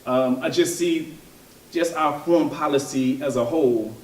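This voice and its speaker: A man giving an informal religious and political talk, thoughtful and hesitant, often pausing with fillers and restarting his sentences. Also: on the high side, a little mellow, slight background noise. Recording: roomy, from a distance.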